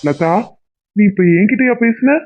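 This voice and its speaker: A man's voice: high voice, expressive, a little slow, a little mellow, soft background music. A man voicing a young cartoon husband who pleads and makes up with his wife in an affectionate way. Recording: tinny phone-like sound.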